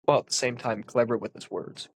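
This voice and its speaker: Speaking quickly in a steady, mid-range, slightly rough voice, a man reads and explains a philosophy text. He sounds congested and sniffly, and as a philosophy commentator he comments earnestly, leaning hard on key words.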